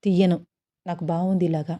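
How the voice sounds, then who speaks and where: A woman's voice: on the low side, little pitch movement, fairly quick, dry recording, lo-fi sound, natural voice. A woman playing a teasing young husband.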